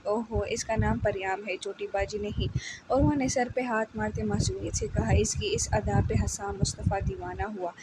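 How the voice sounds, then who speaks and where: A woman greets her listeners and reads a romance novel aloud in a steady storytelling manner. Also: medium pitch. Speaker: novel reader. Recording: loud background noise.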